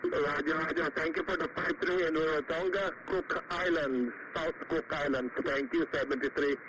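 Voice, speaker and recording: A man's voice: a little high, steady tone, moderate pace. A man working as an amateur radio operator, giving call signs and signal reports in short radio phrases. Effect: two-way radio. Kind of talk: clipped radio call exchange. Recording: distant, noisy radio audio.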